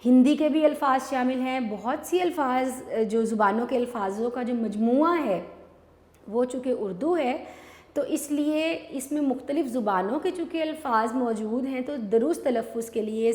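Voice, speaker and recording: Pakistani teacher lady, bit high voice, explains slow and patient, roomy echo. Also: a little mellow. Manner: patient, explains step by step, asks and answers own questions. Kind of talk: recorded online Urdu lesson. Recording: echoey room with long reverb.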